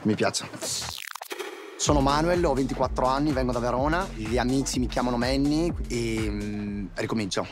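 A young man in his twenties introduces himself in a cocky, jokey way. Loud music plays under his voice. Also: medium pitch, moderate pace. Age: 20s. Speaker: reality show contestant. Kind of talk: confessional and casual chat. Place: outdoors by a pool.

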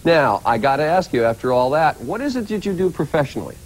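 A man's voice: a little high, sing-song, quick pace, slight background noise, low-quality recording. A man with an American accent presenting and interviewing as a morning news show host.

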